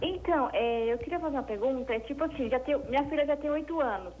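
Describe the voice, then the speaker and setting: Woman caller, telephone line sound, very high voice, hesitant, halting. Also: a little hiss or hum. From Brazil. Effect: heard over a telephone line. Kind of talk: call-in question.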